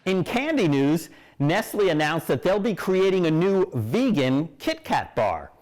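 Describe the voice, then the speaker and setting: A man's voice: fairly high pitch, very animated, unhurried, darkish tone. A man delivering a late-night comedy monologue as host, with punchline timing. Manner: punchline delivery, jumps into silly voices.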